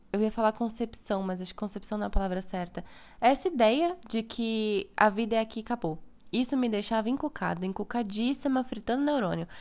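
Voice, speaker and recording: A woman's voice: mid-range voice, a little mellow. Chatty Brazilian woman vlogging. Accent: Brazilian Portuguese. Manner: chatty and playful, frequent "né?" asides. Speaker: spiritual content creator. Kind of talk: casual spiritual vlog monologue.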